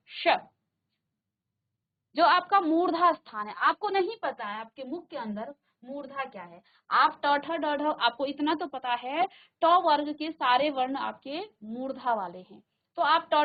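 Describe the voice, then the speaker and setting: A woman teaching a class, slowly sounding out syllables aloud for her pupils to repeat. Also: sits high, lo-fi sound. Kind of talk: classroom lesson. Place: studio virtual classroom.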